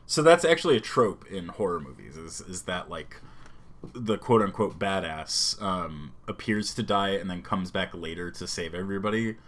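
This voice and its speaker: Deep voiced guy cohost, rambles with lots of likes and ums. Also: lively intonation, normal speed. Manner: rambling, many fillers, trails off quietly. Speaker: podcast co-host. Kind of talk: casual chat.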